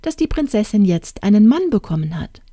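A courtly storybook fairy, ceremonious and precise, addressing royalty with formal politeness, as a woman reads her. The voice is mellow and dark, close and dry. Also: medium pitch, sing-song, a little fast, dry recording, voice pushed up. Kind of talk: storybook reading.

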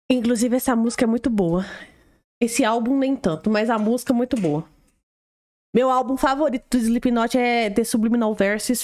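A woman's voice: on the high side, darkish tone. A woman, streaming casual reaction commentary, joking and swearing freely. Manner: joking, swears freely, mock whiny voices.

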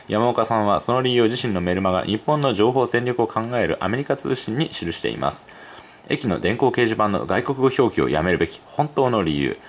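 A man with a lowish voice reads an article aloud at a quick clip, his pitch rising and falling a lot. When he steps away from the text, he thinks out loud and his talk fills with hesitations and small fillers. It sounds like a casual commentary on a personal channel. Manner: reads at a brisk clip, then muses aloud with many fillers. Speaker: YouTube commentator. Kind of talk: reading an online article aloud with spoken asides.

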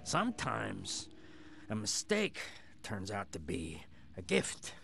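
An actor voicing a smug, foul-mouthed, gleefully sadistic killer doll with a raspy voice, giving gloating in-character commentary on a film. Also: male voice, fairly low pitch, wildly swooping pitch, takes it slowly, a bit bright, a little hiss or hum, full character voice. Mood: wry. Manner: gloating, sardonic, profane.

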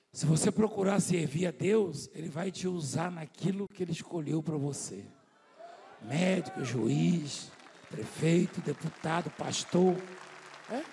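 Male preacher from Brazil, high and husky voice; slow emphatic sermon with soft asides, in a church hall with long reverb. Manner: acts out the voices of people in his stories. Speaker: apostle preaching to his church.

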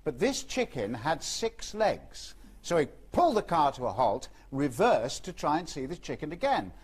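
A man recounting folksy anecdotes for a quiz show audience. His pitch climbs and dips with lively energy, and his voice carries a husky grain. He chuckles at his own punchlines. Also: moderate pace. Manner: chuckling storyteller. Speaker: caller telling jokes. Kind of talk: anecdote telling.

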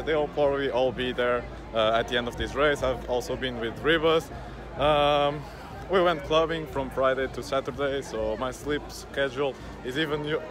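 A man in his twenties talking casually to camera, filming himself outdoors on a phone held at arm's length. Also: mid-range voice. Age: 20s. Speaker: vlogger. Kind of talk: casual vlog talk to camera. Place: outdoors by a road. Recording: noisy outdoor handheld phone recording.

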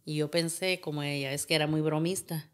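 A woman's voice: low-pitched, steady tone, a little fast. A woman, a podcast guest telling a painful personal story and retelling what everyone said. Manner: retells events with much reported dialogue.

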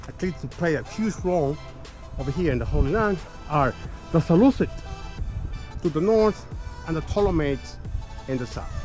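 A tour guide gives a casual history talk on a city street, captured outdoors by a camera mic in low quality. His voice is fairly high with a darkish tone, and he's chatty, calling listeners "guys," tagging lines with "okay" and "right," restarting sentences and laughing a little.

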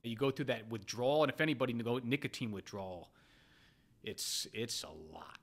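A man telling a casual, profane story about his own habits, swinging between loud animated bursts and low muttered asides. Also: normal speed, gravelly. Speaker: poker player vlogger.

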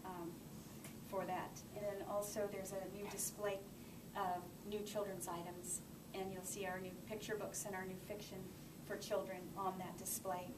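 The speaker is a middle-aged woman, a library manager giving listeners an informal guided talk indoors in the library community room. She has a medium-pitched voice, a flat delivery, and a normal pace. Audio from a far camera microphone is echoey and carries clear noise.

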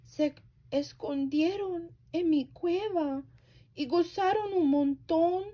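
A woman's voice: very high voice, takes it slowly, mellow, voice pushed up. A woman voicing a big bear in a storybook reading who feels left out, sounding whiny and self-pitying. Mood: sulking.

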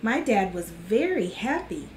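Reading a picture book aloud to children and their parents, a middle-aged storytime host sounds very animated, with a medium pitch and a slightly slow delivery. She sits on a sofa in a small indoor living room, and the recording carries echo and faint hiss.

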